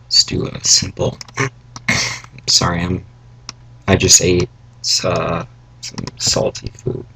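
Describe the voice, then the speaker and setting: A young man makes a casual screen-recorded coding tutorial from a room at home, with family noise around him. His low, flat voice is a little raspy from salty food, and he rambles haltingly with fillers and asides. The low-quality recording carries faint background noise plus keyboard and mouse clicks.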